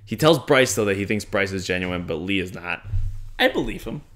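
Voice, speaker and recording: A man's voice: low-pitched, expressive, fairly quick, a bit bright. A man co-hosting a podcast in casual chat, joking and laughing often. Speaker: podcast co-host.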